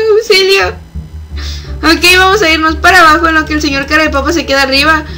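Bright, high-voiced excitable woman gamer. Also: racing, faint music behind. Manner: excitable, shrieks and laughs when chased. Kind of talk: let's-play commentary.

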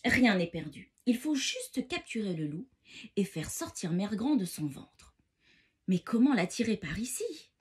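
A woman's voice: mid-range voice, sing-song, unhurried, slightly rough. A woman reading a bedtime story to children, talking to them directly and expressively.

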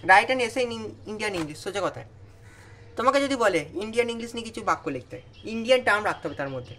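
A young man with a Bengali accent tutors through exam questions, defining each term and then checking that students follow. His voice is bright and forceful, with a faint hiss of background noise. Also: high-pitched. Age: young adult. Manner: explains terms then asks students "understand?". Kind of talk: exam revision lesson.

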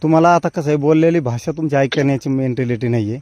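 Phone-call recipient: man, soft-toned yet brisk, defensive and admonishing in an argument. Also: medium pitch. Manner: defensive, admonishing, protesting the other man's language. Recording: over a phone line, dry.

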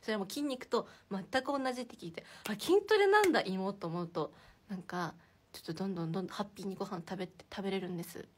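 A young woman hosts a casual idol livestream from indoors, chatting and giggling as she reacts to viewer comments. Her voice is mid-range, husky and very fast.

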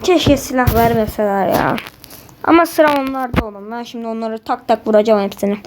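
A woman doing live gameplay commentary, excitable and quick to fly into frustrated outbursts at her opponents. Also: fairly high pitch, background noise. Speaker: gamer.

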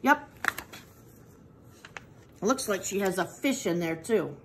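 A woman's voice: mid-range voice, expressive, slow, a little hiss or hum. A woman teacher reading a picture book aloud to young children, patiently asking them questions and praising their answers. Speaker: preschool teacher.

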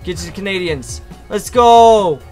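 A man chatting casually while playing a co-op game, laid-back and getting excitable in fights. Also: sits high, unhurried. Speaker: gamer. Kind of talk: co-op gaming commentary. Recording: faint game music behind.

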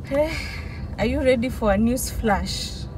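A woman's voice: on the high side, unhurried, noisy background. A young adult woman with a Kenyan accent chatting casually in a car, switching between English and Swahili. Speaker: prankster vlogger. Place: inside a car. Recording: music behind in-car recording.

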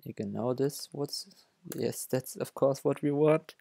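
Gravelly yet warm, the mid-range voice of a young German developer tutorial host comes through a dry recording. With a German accent, he talks through coding on his screen in a halting way, often restarting sentences and correcting himself.

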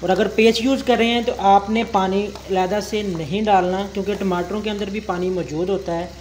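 A man's voice: sits high, fairly even intonation, a little fast, a little mellow, a little hiss or hum. A young man hosting a cooking channel, explaining a recipe step by step in a polite, formal way with religious greetings.

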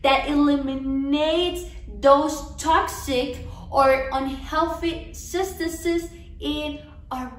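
Seated on a living-room sofa, a young adult woman from Colombia gives a devotional talk to a women's conference as its speaker, earnest and encouraging, occasionally restarting. Her voice sits high. The camera recording her is across the room, which makes the audio roomy and far off.

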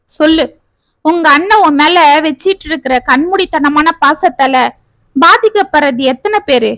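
Brief: stern old aunt, lecturing and reproachful, high voice, read by a woman storyteller. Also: a bit bright, dry recording. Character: stern elderly aunt scolding her niece.

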